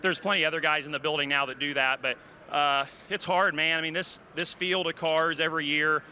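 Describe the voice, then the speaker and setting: A racing driver, out of breath, answering a post-race interview in halting speech with many fillers. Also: male voice, on the high side, steady tone, sharp tone, a little hiss or hum. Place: outdoors at a racetrack.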